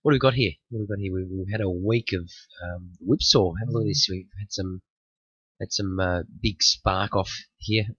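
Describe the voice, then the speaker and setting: Still sniffly from a bout of flu, a man hosting a day trading room offers market commentary full of warnings, repeating himself and restarting phrases. His low-leaning voice sounds a bit bright. There's no room sound, and the top end of the recording is cut off.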